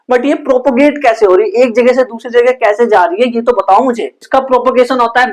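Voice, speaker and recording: A man teaching science in a casual, playful way, acting out sound effects and small scenes. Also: very high voice. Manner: playful, uses sound effects and mini role-plays. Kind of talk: casual classroom explanation.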